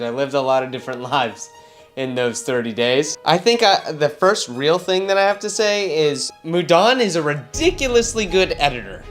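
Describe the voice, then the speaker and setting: A man's voice: a little high, fairly bright tone. A man in his twenties, a vlogger, talking casually to camera in a self-deprecating, rambling way. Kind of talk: casual vlog talk to camera. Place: outdoors in summer heat, then indoors.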